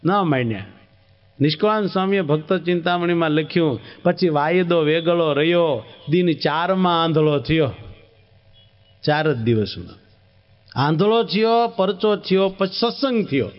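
A man with a Kathiawadi Gujarati accent preaching a devotional sermon as an animated storyteller who acts out the dialogue. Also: on the high side, a little slow. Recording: dull lo-fi recording.

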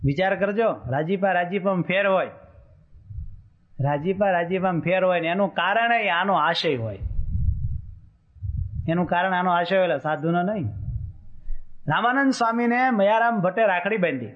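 A man's voice: high-pitched, normal speed, long pauses. A man, a monk giving a sermon in a colloquial, teasing storytelling manner, on a tinny phone-like recording. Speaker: monk preacher.

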